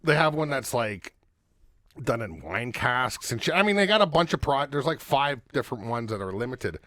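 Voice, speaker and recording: A man hosting a casual podcast from a basement studio, loud, crude and goofily enthusiastic. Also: medium pitch, big pitch swings, moderate pace, dry recording. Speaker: podcast host.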